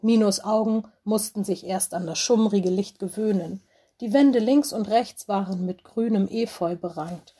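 Breathy, mellow woman reading a storybook. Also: mid-range voice, measured pace. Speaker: narrator.

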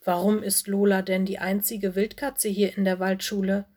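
A woman voicing a playful young fox cub boy in a children's audiobook, teasing and bright. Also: medium pitch, level tone, normal speed, lightly acted.

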